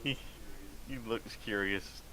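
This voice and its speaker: A man's voice: fairly low pitch, slow. A man narrating a tabletop game as dungeon master, describing creature actions and restarting phrases. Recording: loud hiss.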